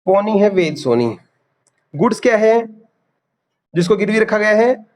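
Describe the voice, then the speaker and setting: A male teacher giving an online class lecture, calling students "beta", drilling key terms and quizzing them for quick answers. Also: high voice, very animated, a little mellow.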